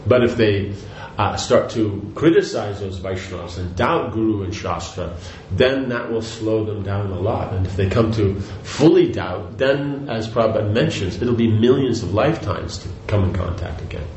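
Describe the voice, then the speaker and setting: Delivering a devotional lecture, an older spiritual teacher talks loosely and conversationally at a moderate pace with hardly any pauses, often restarting, wandering into asides and saying "you know." His voice is low and a little mellow, and the audio sounds dull in an echoey, faintly noisy room.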